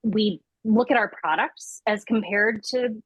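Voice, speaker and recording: A woman in her thirties, a customer insights lead, speaks as a guest in an interview conversation. Her mid-range voice has a breathy edge and a slightly slow pace, and the audio is poor but free of echo. She talks hesitantly, with many fillers and frequent restarts.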